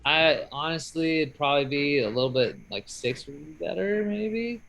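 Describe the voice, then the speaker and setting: A man's voice: fairly high pitch, expressive, normal speed, creaky, a bit bright, rough recording. Chatty man on a video call. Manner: chatty, rambling, upbeat. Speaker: magician. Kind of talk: casual video call chat. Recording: faint noise on a video call.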